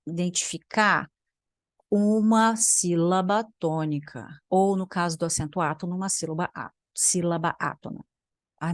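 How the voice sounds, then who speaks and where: A woman's voice: on the low side, no echo, clean studio sound. A young Brazilian woman, a language teacher, giving sarcastic reaction commentary while thinking aloud and trailing off into mutters. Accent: Brazilian Portuguese.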